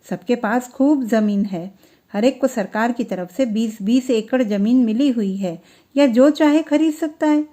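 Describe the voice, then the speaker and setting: A woman narrating a classic story in Hindi, reading it out in a steady, measured storytelling manner with soft drops at the end of her sentences. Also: on the high side.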